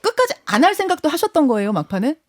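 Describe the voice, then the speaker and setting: A woman hosting a radio news interview, asking brisk questions and often backing up the guest with short replies. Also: sits high, big pitch swings, dry recording, studio quality.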